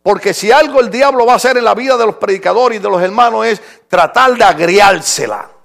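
A middle-aged man pastor delivering an impassioned sermon that swings from shouts to quiet. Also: high voice, a little fast, creaky.

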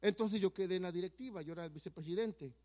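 High-voiced man giving testimony. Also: fast talker. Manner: earnest, swings from hushed to emphatic. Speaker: church member giving testimony. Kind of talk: personal testimony storytelling.

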